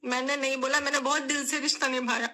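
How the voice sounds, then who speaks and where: A young woman makes a tearful, pleading statement to camera in her vlog. Her voice sits high and very bright, and she repeats phrases over and over as it breaks. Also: flat delivery, quick pace. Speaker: vlogger.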